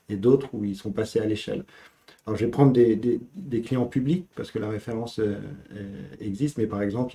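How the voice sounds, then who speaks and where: A male engineer on a tech podcast panel, laying out his view in a measured, step-by-step manner. His voice sits fairly low and sounds very dark and mellow. Conversational and unhurried. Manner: measured, expository, builds a point step by step. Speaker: solutions engineer, podcast guest. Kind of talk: casual tech panel chat.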